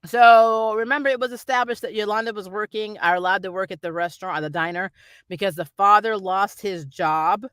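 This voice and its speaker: Here the reviewer's mid-range voice sounds pushed and bright, with no room echo. Answering comments from viewers, he or she rambles off the cuff, opinionated as a fan giving a review.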